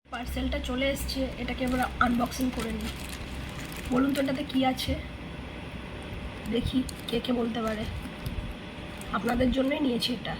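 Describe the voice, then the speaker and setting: A hoarse, high-voiced woman with a Bengali accent chats to her viewers in a family vlog. She sounds like she is talking into a phone camera at home, and faint noise hums behind her. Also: steady tone, normal speed, long pauses. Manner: coaching a child through yoga, counting aloud. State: hoarse from a cold. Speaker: family vlogger. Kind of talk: casual vlog talk to viewers.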